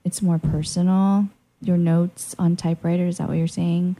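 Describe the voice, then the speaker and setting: A woman's voice: fairly low pitch, flat delivery, normal speed, dark tone, poor audio. A woman hosting a radio show, chatting casually with a guest in a playful, goofy, informal way. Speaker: radio host and DJ interviewing a guest. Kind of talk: casual, jokey radio chat.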